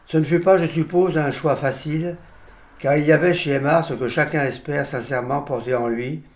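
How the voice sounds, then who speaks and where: An older man reading a funeral eulogy in a solemn, measured way. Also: a little high, steady tone. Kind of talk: funeral eulogy read aloud.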